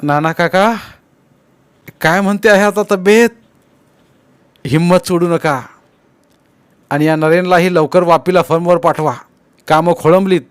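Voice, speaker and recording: A man's voice: a little high, fairly even intonation, normal speed, pauses often, no room sound, voice pushed up, close to an everyday voice. A man voicing a friendly young businessman offering encouragement in an audiobook. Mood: encouraging.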